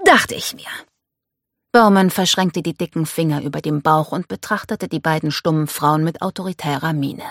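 A woman narrating an audiobook in an expressive storytelling manner. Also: low voice, a little fast, few pauses, dry recording, studio quality.

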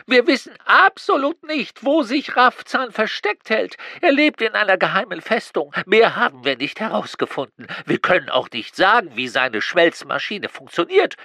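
A man voicing a panicked, croaking government caller pleading for help in an audiobook. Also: high voice, bright, forceful tone, no room sound, studio quality, pitched above the performer's own voice, heavily acted. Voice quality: croaky, gravelly. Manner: urgent, pleading. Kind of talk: audiobook character voice.

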